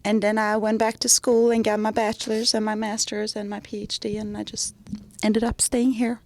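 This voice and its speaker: A woman's voice: mid-range voice, level tone, moderate pace, a little mellow. A woman in her forties from Iran, raised in Sweden, speaking candidly as a guest psychologist in a casual podcast interview. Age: 40s. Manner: candid, open storytelling.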